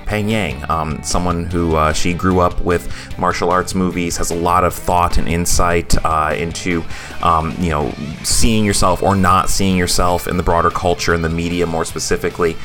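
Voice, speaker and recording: Low, bright-toned man, a podcast host who rambles with fillers over faint music. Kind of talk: casual podcast chat.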